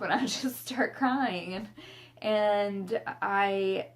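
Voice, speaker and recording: A young woman speaks slowly to her camera, and her voice has a gravelly, creaky edge. She halts, restarts and repeats words, and she sounds close to tears. It plays as a personal vlog. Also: medium pitch. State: tearful. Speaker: vlogger.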